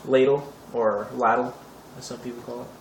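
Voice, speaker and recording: A man's voice: medium pitch, fairly even intonation, moderate pace. A young man hosting a home cooking tutorial, chatty and offhand with wry asides. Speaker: cooking show host. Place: home kitchen. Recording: echoey kitchen, distant camera mic, noisy. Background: clattering pots and cutlery.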